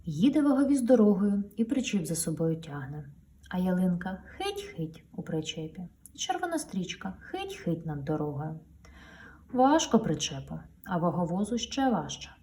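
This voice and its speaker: Mom reading a picture book out loud, lower voice, swoops all over, does the sound effects. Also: female voice, recorded from a distance. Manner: expressive, playful storytelling with sound effects. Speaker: parent reading to her daughter.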